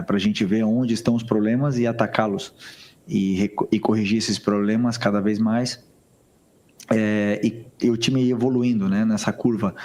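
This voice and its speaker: Low-voiced coach at a press conference. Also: male voice, a little mellow. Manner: hesitant, full of pauses and restarts. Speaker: football coach.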